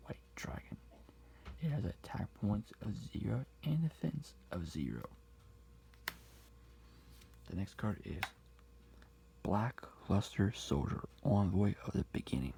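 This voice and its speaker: A man speaking very quietly, sometimes whispering, close to the ear in an ASMR style, reading things out slowly. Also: lowish voice, gravelly. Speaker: ASMR card collector showing a deck. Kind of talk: quiet ASMR talk, soft-spoken to whispered. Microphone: close-up ASMR mic.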